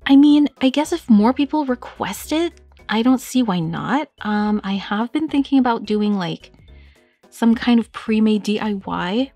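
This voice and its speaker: A young woman with a medium-pitched, darkish voice chats casually while answering viewer questions for her toy-collecting vlog. She reads each question aloud and laughs at herself, and the recording sounds dry.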